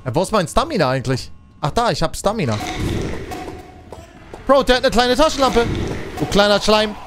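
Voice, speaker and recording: A young man commenting loudly on a horror game, joking, laughing and letting out mock screams. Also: high voice, very animated, fairly quick. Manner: loud, jokey, shouts and mock screams. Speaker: gaming streamer. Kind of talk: excited gameplay commentary. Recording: game music underneath.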